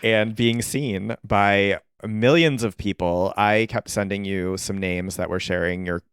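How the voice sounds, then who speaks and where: Playful, campy male podcast co-host, low-pitched and dry. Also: steady tone, measured pace, a bit bright, clean tone, no room sound. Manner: playful, campy pop-fan slang. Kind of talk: casual pop-culture podcast chat.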